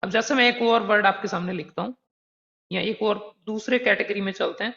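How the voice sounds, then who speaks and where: Heard on a dull, slightly lo-fi recording, a man with a high, sharp voice, fairly quick delivery and some vocal fry runs an online exam preparation lesson. He explains things patiently and chattily, using worked examples.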